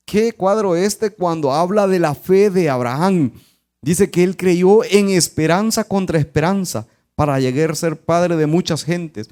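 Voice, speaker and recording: A male pastor delivers a sermon as an earnest storyteller. His voice sits a bit high for a man. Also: a little mellow.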